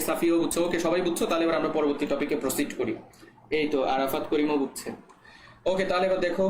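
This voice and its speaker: A young man teaching a live online chemistry class in a slightly high voice. He walks through each point step by step and keeps asking students to confirm they follow. The sound is roomy and echoey, with a faint hiss underneath. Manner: explains step by step, checks students' comments, frequent "ঠিক আছে?". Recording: echoey room with faint background noise.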